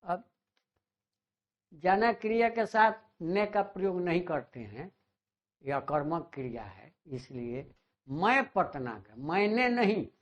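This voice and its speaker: Guy teaching grammar real slow, keeps repeating words, dull muffled audio. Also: high voice, lively intonation. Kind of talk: Sanskrit grammar lesson. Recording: dull lo-fi sound.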